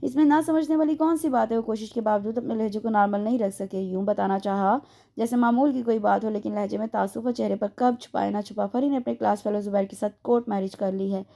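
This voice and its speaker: A woman narrating a romance novel aloud in a steady, even storytelling manner. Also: medium pitch, fast, gravelly. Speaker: audiobook narrator.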